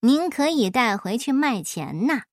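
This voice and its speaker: A woman voicing a clever, mischievous folk hero who teases in a calm, sly way in a storybook reading. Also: on the high side, measured pace, no echo, studio quality. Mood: sly teasing.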